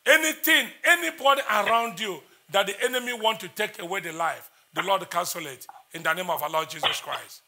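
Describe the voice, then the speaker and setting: High, bright-voiced preacher prophesying. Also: male voice, fairly quick, gravelly, few pauses. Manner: intense, repetitive, declaring prayers. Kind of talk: prophetic church ministry.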